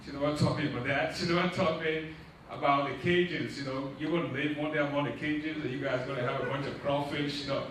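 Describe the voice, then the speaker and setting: In a large, echoing event hall, a middle-aged Liberian nonprofit founder gives a sermon-like launch speech, throwing questions at the audience and climbing to loud, emphatic peaks. His voice is a little high and fast. A distant mic captures him over a steady hiss of noise.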